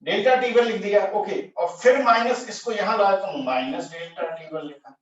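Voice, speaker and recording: A man's voice: high-pitched, normal speed. A man teaching a physics lesson, working through steps at a board, thinking aloud, correcting himself and checking with the class. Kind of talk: explaining at a whiteboard. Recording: echoey, distant, dull lo-fi room sound.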